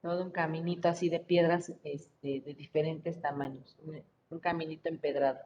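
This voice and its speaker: A woman teaching a biology class online in Mexican Spanish, explaining slowly and checking in with the students again and again. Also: steady tone, mellow. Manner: slow, explaining step by step, frequent checking "¿sí?". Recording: muffled lo-fi mic with faint rumble.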